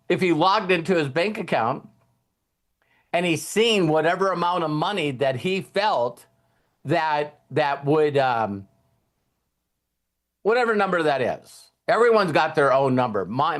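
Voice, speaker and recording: Hosting a motivational talk, a man with a slightly high voice addresses a group. He keeps things informal and conversational, often checking that his listeners are following along.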